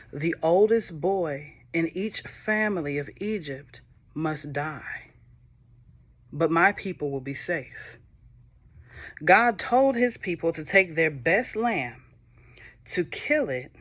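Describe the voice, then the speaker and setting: A deep-voiced woman reads a children's Bible storybook aloud, slow and expressive. She drops into soft whispers at moments and tosses playful asides to her young listeners.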